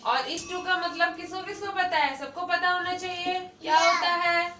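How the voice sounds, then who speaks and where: A woman with a very high, bright voice teaches a class patiently, asking questions and checking that everyone follows. She is recorded from a distance in an echoey classroom with faint background noise. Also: steady tone, normal speed. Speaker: English teacher. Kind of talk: classroom lesson.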